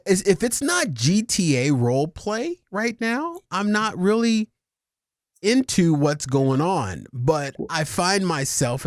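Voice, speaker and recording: A man co-hosting a casual podcast, ranting excitably and swinging from mumbled asides to shouted outbursts. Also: a little high, dry recording, studio quality. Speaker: podcast co-host.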